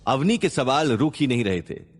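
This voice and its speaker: A man's voice: medium pitch, big pitch swings, normal speed. A man narrating a suspense story in a dramatic style.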